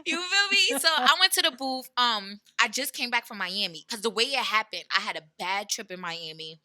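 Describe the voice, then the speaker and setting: A woman rapper from New York, a guest telling a story in casual, slang-heavy chat, talking in quick bursts. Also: on the high side, animated, bright, forceful tone. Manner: laid-back, street slang, talks in quick bursts.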